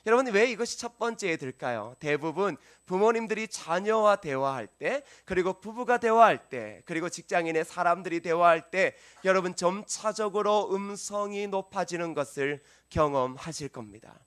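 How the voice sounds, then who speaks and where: A male pastor delivers a sermon in a church sanctuary. His voice sits fairly high for a man. He preaches earnestly and keeps turning to the congregation with questions. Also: animated, normal speed, hardly any pauses, a bit bright.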